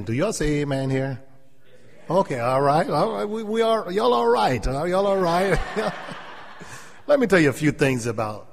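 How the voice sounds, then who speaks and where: Middle-aged preacher, Gullah Geechee accent, echoing hall. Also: male voice, on the low side. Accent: Gullah Geechee South Carolina. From South Carolina, United States. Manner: repeats phrases and calls for amens. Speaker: preacher, church elder. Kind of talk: sermon to a congregation, humorous and anecdotal. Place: large indoor hall, speaking to an audience. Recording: echoey hall with long reverb.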